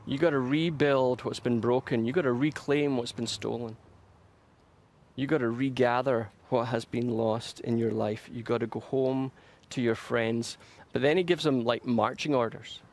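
A man's voice: medium pitch, fairly even intonation, normal speed, a little mellow. Earnest man preaching a sermon. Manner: earnest, emphatic preaching with repeated phrases and restarts. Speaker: pastor. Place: church.

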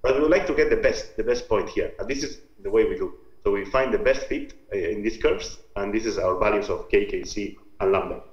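A man from Spain's Basque Country with a Basque Spanish accent, giving an informal scientific lecture in a halting, step-by-step explanatory way. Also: on the low side. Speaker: researcher presenting own work. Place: remote talk over video call. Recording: muffled, roomy video-call audio.

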